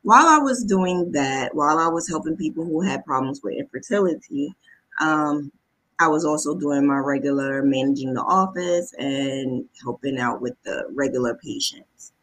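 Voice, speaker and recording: Her voice sits low and a bit bright, moving at normal speed, as this woman vlogger recounts a personal story on poor audio. She keeps it conversational, frequently backtracking and acting out what people said.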